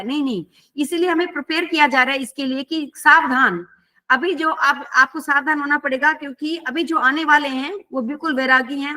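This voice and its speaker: A woman's voice: high-pitched, bright, forceful tone. A woman teaching a scripture class, telling a story conversationally and asking her listeners questions.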